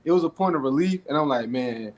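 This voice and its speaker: A young adult rapper from Atlanta, guesting in an interview, talks casually in a raspy, medium-pitched voice. He is animated and fast, projecting his voice while staying laid-back and using lots of fillers, with slight background noise behind him.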